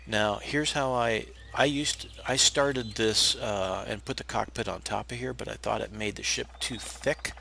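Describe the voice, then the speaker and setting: A game tutorial narrator, hoarse from being unwell, walks through a game build in a low, raspy voice at an easy, unhurried pace with few pauses. He's relaxed and explanatory, using lots of "uh" fillers and restarting or correcting himself now and then in this casual step-by-step guide. His home recording has a steady hiss, with birds chirping faintly behind.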